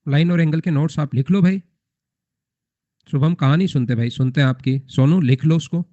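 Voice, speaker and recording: A man's voice: on the high side, brisk, warm tone, no room sound. A young man teaching a math class live, repeating points and quizzing his students with rhetorical questions. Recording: muffled lo-fi recording.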